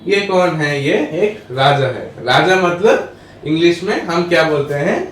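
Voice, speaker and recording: A man's voice: a little high, expressive, measured pace, fairly bright tone. A man teaching a lesson who asks questions and answers them himself, repeating his phrases. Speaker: English teacher. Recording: echoey room, far from mic, faint noise.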